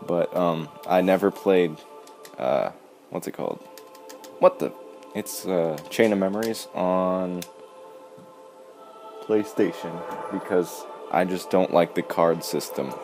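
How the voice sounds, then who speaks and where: A man's voice: low voice, takes it slowly, vocal fry, long pauses, darkish tone, soft background music. A man commenting casually on his gameplay, cracking jokey, sarcastic asides. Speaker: let's play gamer.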